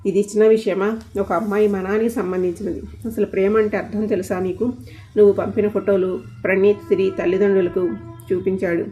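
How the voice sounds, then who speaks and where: A woman's voice: medium pitch, flat delivery, a little fast, dark tone, soft background music, close to an everyday voice. A woman voicing a stern young man who angrily scolds a friend in an audio story. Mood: angry. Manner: scolding, accusing. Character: stern young male boss, angry friend.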